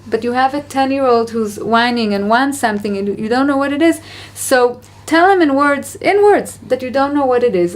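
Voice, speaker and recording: Earnest woman giving gentle parenting advice. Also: on the high side. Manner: earnest, reflective, gently encouraging. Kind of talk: casual Q&A conversation.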